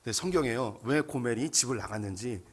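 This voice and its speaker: A male pastor preaching a sermon, telling the story in a lively, candid way. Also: mid-range voice, brisk, husky.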